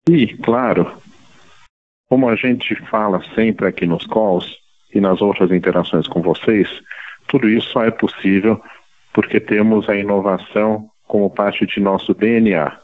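A man's voice: on the low side, fairly even intonation, unhurried. A man with a Brazilian accent giving a prepared business presentation as a company chief executive. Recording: dull narrow teleconference sound.

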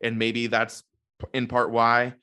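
A man co-hosting a podcast in casual chat, making his points in a measured, reasoned way. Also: medium pitch, completely flat delivery, pushed and bright, smooth. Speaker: podcast co-host.

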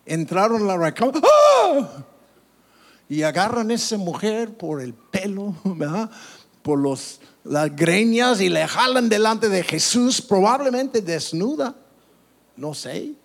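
Animated pastor preaching slowly. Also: male voice, high voice, creaky. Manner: animated preaching with frequent call-outs of amen; stumbles and restarts words, laughs at own slips. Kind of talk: sermon.

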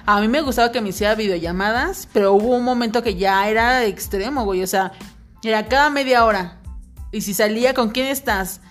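A woman's voice: on the high side, a little fast, soft background music. A Mexican woman co-hosting a podcast in casual chat, telling stories frankly and swearing freely. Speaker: podcast co-host.

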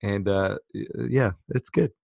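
A South African-born podcast co-host with an American-sounding accent speaks in a lowish, gravelly, slightly mellow voice, a little slowly. He rambles through a casual chat with lots of fillers and teasing, and there's no room sound.

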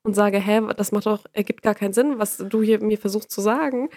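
A woman's voice: mid-range voice, fairly quick, a little mellow, no echo. A German woman chatting casually, emphatic and insistent as she makes her point at length. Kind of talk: casual chat.

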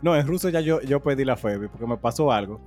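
Fast-talking man telling stories. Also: medium pitch, faint music behind. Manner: animated storyteller, laughs often. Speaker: podcast co-host. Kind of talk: casual podcast chat.

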